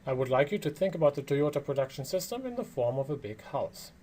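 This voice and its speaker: A man's voice: a little high, very animated, quick pace, mellow, a little hiss or hum. A man with a non-native English accent gives a prepared lecture as a course instructor, explaining things with emphasis. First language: not English.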